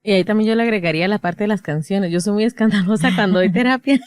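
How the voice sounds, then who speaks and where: Costa Rican woman, 30s, speech therapist on a podcast, animated, acts out quotes, dry close sound. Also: mid-range voice, fast talker, smooth, dry recording. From Costa Rica. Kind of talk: casual podcast conversation.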